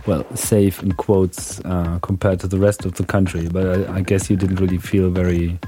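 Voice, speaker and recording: Lowish-voiced man hosting a casual chat. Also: level tone, moderate pace, over music.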